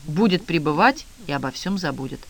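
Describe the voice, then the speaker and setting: A man's voice: fairly high pitch, a little fast, gravelly. A man reading a cold stern scientist. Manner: curt and flat. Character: cold stern older male scientist father.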